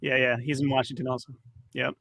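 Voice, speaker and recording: A man's voice: medium pitch, little pitch movement, fast, vocal fry, a bit bright, no room sound, studio quality. A man hosting a casual interview over a video call, friendly and rambling. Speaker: podcast host.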